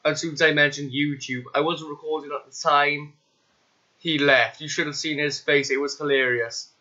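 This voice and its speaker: A man's voice: on the high side, fairly even intonation, moderate pace, sharp tone. A man chatting casually and crudely to strangers on a video chat for his vlog. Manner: joking, crude, rambling. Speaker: vlogger. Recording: dull lo-fi webcam mic.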